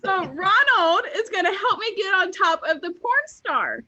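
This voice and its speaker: A woman's voice: extremely high pitch, animated, unhurried, sharp tone. A woman co-hosting a casual morning show over a video call, playful and giggly as she tells stories. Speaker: co-host.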